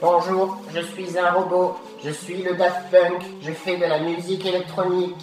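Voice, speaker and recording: A man putting on a flat robot voice. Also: sits high, moderate pace, natural voice. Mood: deadpan. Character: stiff robot electronic musician, male. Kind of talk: comic parody. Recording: echoey room, mic far off, music behind.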